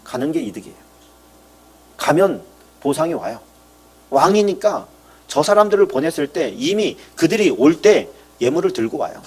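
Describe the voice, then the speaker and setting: A male pastor delivers a sermon in a fairly high voice that swings widely in pitch. He moves from loud, emphatic peaks to quiet asides and acts out short pieces of dialogue. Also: sing-song, normal speed, long pauses, husky. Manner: asks the congregation questions.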